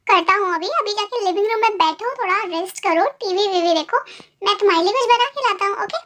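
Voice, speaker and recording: A woman's voice: very high-pitched, quick pace, a little hiss or hum. A woman voicing a clingy, emotional young man who pleads and whines at his fiancée in a fan story. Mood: teasing. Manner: pleading and whiny. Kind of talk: Hindi dubbed fan story voice acting. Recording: soft music underneath.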